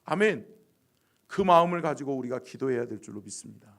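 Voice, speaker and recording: Pastor, male, dawn sermon; emphatic, rises to fervent peaks, animated pitch. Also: fast. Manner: emphatic, building to loud fervent passages. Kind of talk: early-morning sermon.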